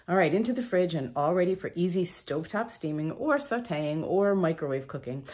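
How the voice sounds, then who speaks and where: A woman's voice: lowish voice, darkish tone, slightly rough. A woman hosting her own cooking channel, talking casually and upbeat through each step of her meal prep in a home kitchen.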